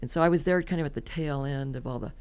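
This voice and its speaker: A woman's voice: low-pitched, quick pace, darkish tone, clear, resonant tone. A woman in her seventies from California, telling rambling, chatty stories as a podcast guest and laughing often. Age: 70s. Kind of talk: casual interview storytelling.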